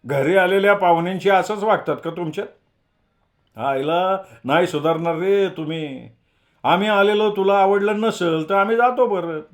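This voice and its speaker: A man voicing a quick-tempered young friend who speaks high, loud and blunt. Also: natural voice. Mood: brash.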